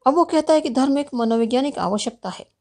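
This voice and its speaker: A woman philosophy lecturer giving a recorded university lecture in a steady, explanatory teaching tone. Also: sits high, fairly quick.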